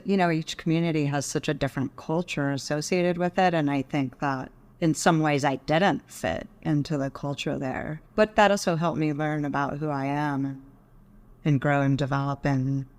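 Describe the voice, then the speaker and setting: A woman's voice: low-pitched, steady tone, moderate pace, darkish tone. A middle-aged woman from Texas, talking thoughtfully and measuredly as a podcast guest. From Texas, USA. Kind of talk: reflective interview talk.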